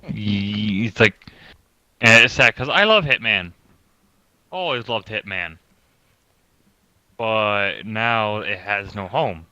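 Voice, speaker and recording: Low-voiced young man, dull lo-fi sound. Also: slow, long pauses, sharp tone, dry recording. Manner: casual, blunt, swears freely. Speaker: podcast co-host. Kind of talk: casual chat.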